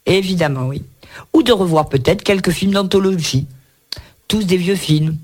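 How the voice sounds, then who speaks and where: A man's voice: sits high, moderate pace. Chatty male radio book host. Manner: chatty, playful asides. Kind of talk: reviewing books on air.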